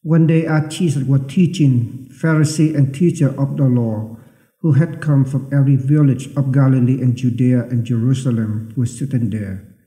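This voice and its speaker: A man, a priest, reading the Gospel at Mass in a measured, careful way with occasional stumbles, his voice carrying a cathedral echo. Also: mid-range voice, steady tone, dark tone. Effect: cathedral-like echo with long church reverb. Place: large church interior. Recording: echoey church with long reverb.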